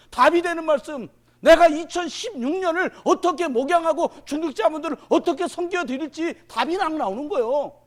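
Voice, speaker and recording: Male pastor in his fifties preaching, high lively voice, jumps from shouts to mutters. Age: 50s. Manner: animated, swings from shouting to muttering asides, plays out little scenes. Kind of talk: sermon.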